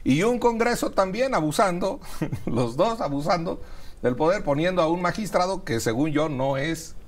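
A man's voice: high-pitched, expressive, moderate pace. A middle-aged man with a Mexican Spanish accent, a senator speaking combatively as a guest in a TV studio interview. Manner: combative, emphatic. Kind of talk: political interview.

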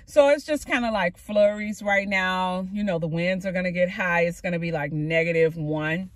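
A woman's voice: on the low side, moderate pace, dry recording. A middle-aged woman, chatting upbeat into a phone camera from her parked car, with loose "so yeah" asides. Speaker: vlogger. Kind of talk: casual vlog chat. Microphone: phone camera on dashboard.

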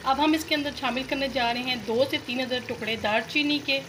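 A woman hosting a cooking channel, calmly explaining a recipe step by step in voice-over narration. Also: high voice, fairly quick. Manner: calm step-by-step instruction. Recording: noisy kitchen, sizzling pot.

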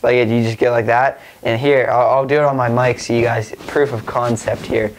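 A man's voice: medium pitch, steady tone, moderate pace, poor audio. A young man with a stuffy nose from a cold, rambling casually through a tech vlog with lots of fillers and restarts. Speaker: tech vlogger.

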